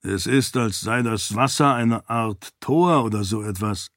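Man voicing Galadon, a calm wry companion. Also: lowish voice, unhurried, dry recording, studio quality.

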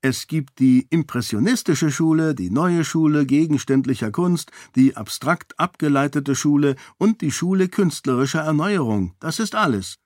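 Man voicing a know-it-all little girl, higher voice, dry close sound, audiobook. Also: animated, moderate pace, few pauses, a little mellow, no room sound, natural voice. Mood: lecturing. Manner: lecturing, indignant.

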